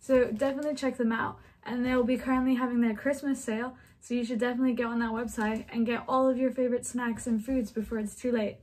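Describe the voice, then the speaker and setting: A woman's voice: on the high side, darkish tone, slight background noise. Eager young woman hosting a food vlog. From Malaysia. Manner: upbeat, eager, many fillers. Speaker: host. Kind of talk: enthusiastic presenting to camera.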